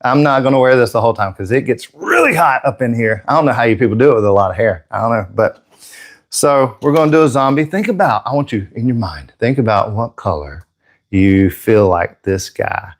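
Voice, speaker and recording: A man's voice: mid-range voice, expressive, brisk. A man hosting a live airbrush painting stream, chatting casually and joking with viewers, slightly out of breath.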